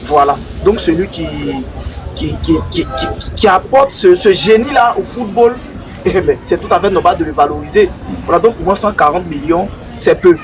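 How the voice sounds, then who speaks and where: A man's voice: sits high, normal speed, a crowd in the background, poor audio. A man giving emphatic football opinions, often repeating words as he searches. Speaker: football pundit. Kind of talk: debate commentary. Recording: music bed behind voice.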